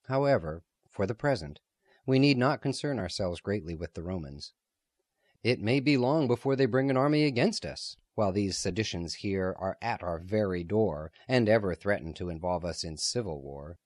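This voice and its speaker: Man reading as grave cautious guy, gloomy, measured, low voice. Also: animated, a little mellow, no echo, studio quality.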